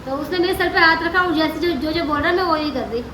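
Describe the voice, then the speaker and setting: A middle-aged mother retelling an encounter in quick, lively speech full of quoted dialogue, recorded at home. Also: very high-pitched, roomy sound, noisy background. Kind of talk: animated storytelling.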